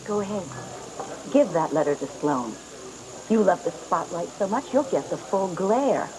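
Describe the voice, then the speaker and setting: A woman's voice: fairly low pitch, very animated, measured pace, background noise. An actress playing a cold, manipulative woman who threatens and belittles a younger woman in a soap opera. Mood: mocking. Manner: icy, condescending, threatening. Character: cold scheming manipulative woman, menacing and commanding. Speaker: scheming woman using a false name. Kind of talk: 1980s soap opera acting. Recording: TV soap audio with loud music.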